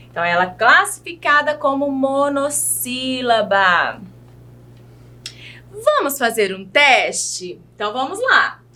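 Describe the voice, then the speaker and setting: Slow, sing-song Brazilian woman teacher. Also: sits high, sharp tone. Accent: Brazilian Portuguese. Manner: slow, sing-song teacherly delivery, asks children questions. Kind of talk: children's video lesson.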